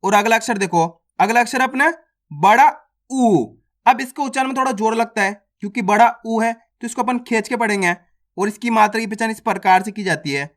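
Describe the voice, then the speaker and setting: A man's voice: high-pitched, a little fast, fairly bright tone. A man teaching the Hindi alphabet in an online lesson. He poses questions to the class and answers them himself. He draws out each vowel sound to show how it is said. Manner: checks in with listeners.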